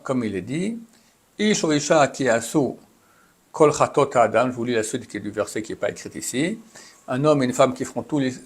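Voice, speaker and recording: Here a rabbi with a slightly rough, mid-range voice leads a class on the Torah. He recites Hebrew phrases, renders them in translation, and unpacks their meaning in a relaxed, talkative manner full of asides.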